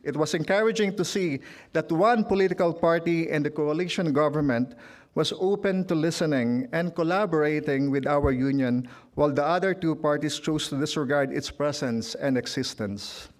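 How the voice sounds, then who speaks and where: A union leader from the Philippines, middle-aged and speaking with a Filipino accent, gives a formal address in a large convention hall. His voice is fairly high-pitched, and his measured delivery lifts whenever he reaches a quote or punchline.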